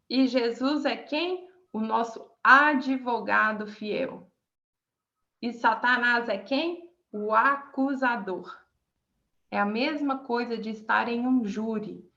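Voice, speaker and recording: A woman's voice: a little high, takes it slowly, bright, forceful tone, dull audio. A woman preaching informally to a small group over a video call, emphatic and asking the listeners questions.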